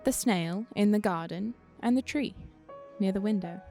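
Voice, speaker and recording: Woman as a teasing fairy narrator, medium pitch, theatrical and knowing, music underneath. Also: moderate pace, dark tone, lightly acted. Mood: arch, knowing. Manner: arch, conversational. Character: teasing, worldly fairy storyteller guiding travellers.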